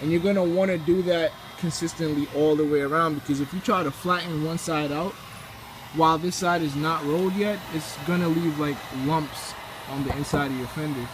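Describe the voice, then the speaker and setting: A man's voice: fairly high pitch, steady tone, brisk. A young man hosting a car channel, explaining a how-to in a laid-back, rambling way with fillers. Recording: noisy background with vehicle sounds.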